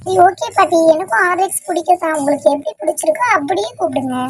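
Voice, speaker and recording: A woman's voice: extremely high pitch, quick pace, slight background noise. A woman voicing a polite, sweet little girl who is new to the village in a cartoon.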